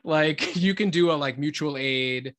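A man's voice: a little high, unhurried, a bit bright. Man talking on a video call. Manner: thinking aloud, frequent fillers and restarts. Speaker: panelist. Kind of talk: online panel discussion.

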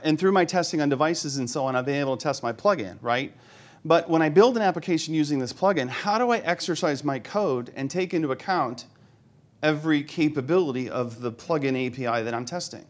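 Joking man giving a live tech demo. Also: a little high. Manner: joking, self-deprecating, thinks aloud while demoing. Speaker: conference speaker. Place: conference hall with live audience.

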